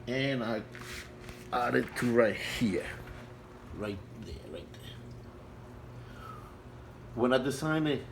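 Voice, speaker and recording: A man with a non-native English accent, talking casually at home in a halting, repetitive way while filming an aquarium on his phone. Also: medium pitch, vocal fry, slight background noise. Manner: halting and repetitive, restarts phrases, earnest and pleading. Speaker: hobbyist vlogger. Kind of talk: casual home video walkthrough. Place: home, beside an aquarium indoors. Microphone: phone held by the speaker while filming.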